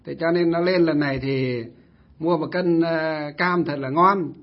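A male Buddhist monk telling a story in a casual, lively way, often acting out what others said. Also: fairly high pitch, measured pace. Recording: dull lo-fi recording.

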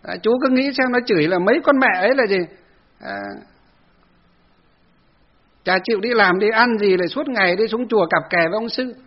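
Brief: man doing an aggrieved elderly temple lady, high and husky voice, complaining loudly. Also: fairly quick, pauses often, dull audio. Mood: indignant. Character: indignant elderly female temple devotee.

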